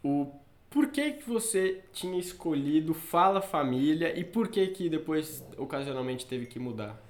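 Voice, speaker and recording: A young Brazilian man with a slightly high voice chats on a podcast. His talk is full of slang and quick laughs. The sound is roomy and echoey. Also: animated. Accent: Brazilian Portuguese. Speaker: podcast co-host. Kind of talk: casual chat. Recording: echoey room.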